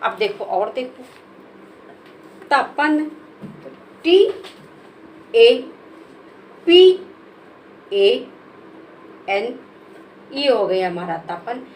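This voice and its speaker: A woman teacher, spelling out words letter by letter in a slow, patient lesson for children. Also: on the high side, lively intonation, a little hiss or hum, rough recording. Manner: patient, spells letters one by one, calls listeners "beta".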